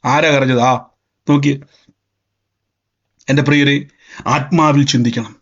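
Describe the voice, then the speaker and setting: A man's voice: medium pitch, fairly even intonation, a little slow. A man preaching a sermon emphatically, repeating phrases and acting out scenes. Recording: dull lo-fi sound.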